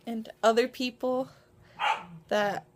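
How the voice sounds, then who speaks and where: A woman's voice: a little high, fairly even intonation, slow pace, noisy background. A young woman vlogging to camera in a casual, rambling way, with many ums, restarts and self-conscious asides. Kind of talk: casual vlog monologue. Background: dog barking.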